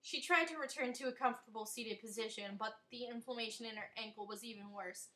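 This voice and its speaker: A woman's voice: fairly high pitch, fairly quick, pushed and bright, poor audio. A woman reading her own story aloud in a wry, amused way.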